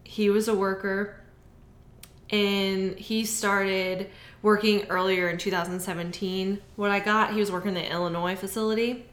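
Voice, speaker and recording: A woman telling a story on a casual podcast, mid-pitched and swearing freely. She acts out the people she quotes as she goes. The room around her is echoey. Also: little pitch movement, moderate pace, fairly bright tone. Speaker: podcast co-host. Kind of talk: casual chat.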